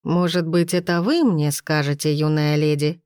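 A woman's voice: low voice, steady tone, normal speed, darkish tone, smooth, dry recording, studio quality, natural voice. A woman voicing a sly, mocking male chief of detectives in an audiobook, her tone cool and needling.

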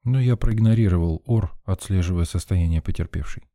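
A man's voice: deep voice, fairly quick, mellow, dry recording, clean studio sound. A man reading a first-person story in a tense, urgent narrating voice. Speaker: audiobook narrator.

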